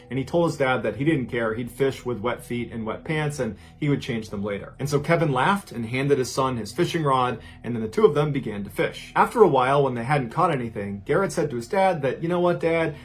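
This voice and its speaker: Guy telling a creepy true story, mid pitch, chatty and steady. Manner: conversational, present-tense storytelling with steady suspense. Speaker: podcast host and storyteller.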